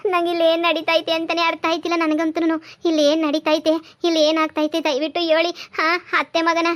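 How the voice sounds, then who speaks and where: Woman playing a sharp-tongued village wife. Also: very high voice. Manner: taunting, scolding, exclaims often. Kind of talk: village comedy skit.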